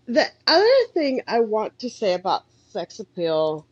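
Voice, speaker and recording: Stuffy-nosed woman, husky and slow. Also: mid-range voice, no echo. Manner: animated, expressive, drawn-out affirmations. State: stuffy with allergies. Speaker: podcast co-host, eyewear professional. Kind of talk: casual chat. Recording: dull dry lo-fi mic.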